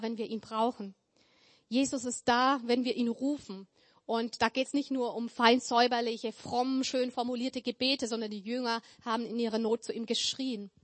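A woman preaching a sermon in an earnest, emphatic way, building her points through repetition. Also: a little high. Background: church hall with tables.

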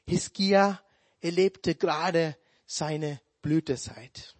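A Tamil-speaking man delivers a sermon slowly and deliberately, adding touches of humor. His pitch is fairly high, and there's no echo.

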